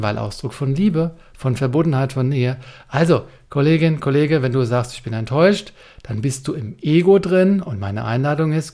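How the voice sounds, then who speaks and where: A man's voice: medium pitch, creaky, a little mellow. A man giving a communication coaching talk, speaking in short punchy phrases, asking rhetorical questions and addressing the listener directly.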